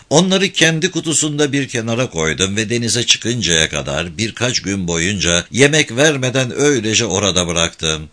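A man reading a first-person travel memoir aloud as an audiobook, with lively, expressive delivery. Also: lowish voice. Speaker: audiobook narrator.

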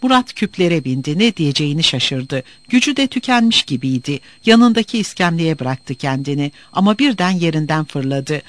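A man narrating a story with an expressive, dramatic reading. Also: on the high side, normal speed, hardly any pauses, dry recording.

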